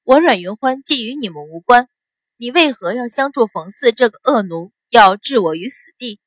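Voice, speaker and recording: An icy young noblewoman issues orders with cool scorn, read by a woman. The voice is fairly high and the sound dry and close, like a storybook reading. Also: lively intonation, normal speed, no echo. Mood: cold. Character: cold, imperious young noble lady.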